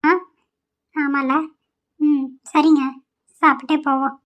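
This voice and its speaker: A woman voicing a mild, placating young wife in a cartoon, talking in a gentle, pleading way. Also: sits high, little pitch movement, slow pace.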